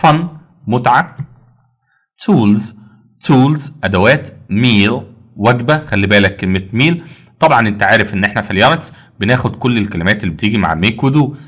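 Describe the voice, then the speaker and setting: A man's voice: fairly low pitch, lively intonation, a little fast, fairly bright tone, dull audio. A man with an Egyptian Arabic accent teaching English vocabulary, repeating each word and answering his own questions. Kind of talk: vocabulary lesson.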